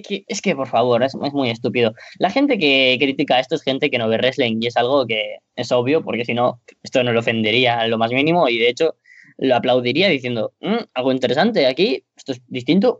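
A man's voice: a little high, dry recording. A man with a Spain Spanish accent talks wrestling in a loose, rambling way that builds into an exasperated rant. The recording is dull and lo-fi, close and dry with no room sound. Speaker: wrestling podcast co-host. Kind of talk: casual opinion chat.

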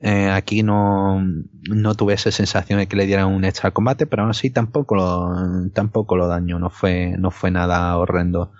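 A man's voice: sits low, little pitch movement, normal speed, darkish tone, dry recording. A man giving a casual, opinionated wrestling review, hesitant and repeating words as he looks for his phrasing. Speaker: wrestling show co-host. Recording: dull, lo-fi, dry microphone sound.

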